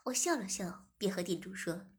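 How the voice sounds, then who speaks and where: A woman reading a first-person story aloud in a soft, breathy, half-whispered way. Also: medium pitch, animated, normal speed.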